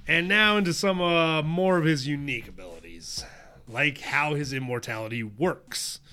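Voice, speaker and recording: Young man, bright voice, slightly high, casual chat, laughs a lot. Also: expressive, normal speed. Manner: laughing, loose, reads notes then riffs. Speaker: podcast co-host presenting research.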